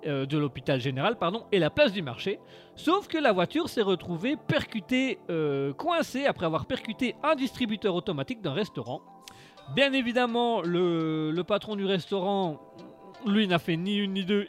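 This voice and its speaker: A man hosting live radio, chatting through the news in a rambling, sarcastic way, full of fillers and restarts. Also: high voice. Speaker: radio host.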